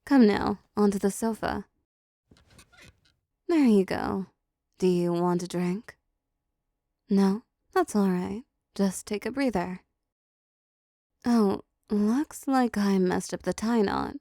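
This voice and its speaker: Speaking slowly and up close, a woman voices a seductive, possessive female demon in an intimate roleplay audio drama aimed at the listener. Her medium-pitched voice is dark and mellow with a creaky edge, and she sounds doting and teasing as she hands out condescending pet names with a controlling air. The studio-quality recording has no room sound.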